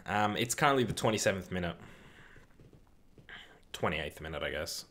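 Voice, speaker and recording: A man with a fairly low voice hosts a live football watch-along stream. He talks casually, answers viewers' comments and reacts loudly to the play. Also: animated, moderate pace, slight background noise.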